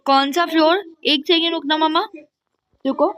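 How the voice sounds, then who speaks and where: A woman's voice: high-pitched, steady tone, moderate pace, fairly bright tone. A woman voicing a cruel, scheming stepmother in a life-sim game story, speaking in a harsh, accusing and threatening way.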